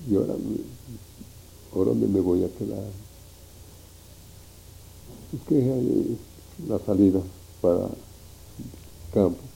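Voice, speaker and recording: A man's voice: on the low side, takes it slowly, vocal fry, long pauses, mellow, low-quality recording. A man telling a meandering, folksy story from his past. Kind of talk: oral history recollection.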